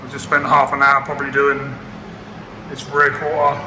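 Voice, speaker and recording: Down-to-earth car restorer, flat delivery, slightly breathless, echoey garage. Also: male voice, mid-range voice, moderate pace. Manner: chatty, down-to-earth, self-deprecating. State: out of breath from machine polishing. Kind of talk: casual workshop commentary. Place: garage workshop. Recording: roomy workshop with clear background noise.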